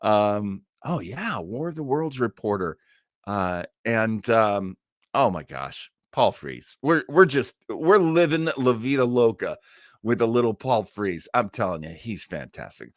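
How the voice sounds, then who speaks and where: A man's voice: fairly low pitch, very animated, measured pace, no room sound, clean studio sound. A middle-aged or older man hosting a live online listening party, chatting casually and enthusiastically like a devoted fan. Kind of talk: casual live chat introducing a radio cast.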